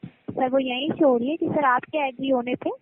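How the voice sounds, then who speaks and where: A woman's voice: sits high, fairly even intonation, moderate pace. A woman working as a customer support agent, polite and formal, following a call-centre script and calling the customer sir again and again. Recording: tinny phone line with noise.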